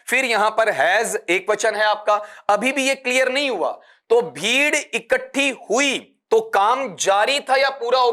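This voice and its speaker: A man's voice: extremely high pitch, a bit bright. Male teacher quizzing his students. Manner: addresses students as beta, asks and answers own questions. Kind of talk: exam-prep grammar lesson.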